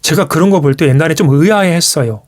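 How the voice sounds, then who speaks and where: A man's voice: a little high, fast talker. A man streaming live, telling a personal story to his viewers in casual speech with frequent restarts, acting out what others said. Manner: animated storytelling, acts out quoted parents. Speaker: YouTuber.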